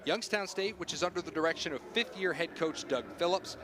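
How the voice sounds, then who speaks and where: A man's voice: sits high, brisk, crowd noise. A man calling live football play-by-play in short phrases that follow the action. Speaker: play-by-play announcer. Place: stadium broadcast booth.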